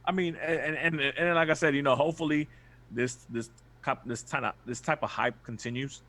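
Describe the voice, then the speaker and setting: A man's voice: mid-range voice, fairly quick, a bit bright. A man co-hosting a fan podcast, talking in a laid-back way full of fillers. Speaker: podcast co-host. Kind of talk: casual chat.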